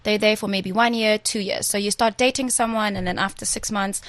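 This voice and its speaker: A woman's voice: medium pitch, fairly even intonation, fairly quick, a bit bright, no room sound. A woman explaining things casually as an interview guest. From South Africa.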